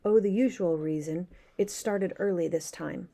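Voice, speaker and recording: A woman voicing a young woman who speaks in brief, hushed phrases. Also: fairly low pitch, moderate pace, vocal fry.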